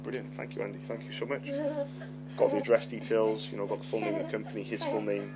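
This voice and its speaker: A middle-aged podcast host with a lowish voice talks fast and with little pitch movement as he tells a story, loud music playing behind him. He has a lisp and a stammer, swears freely, and repeats words.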